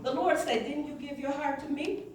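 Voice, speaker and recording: High-voiced and speaking at normal speed, a middle-aged woman gives her testimony in a church sanctuary. She narrates the events and voices the other people's lines as she goes. The recording is distant, caught in an echoey church hall.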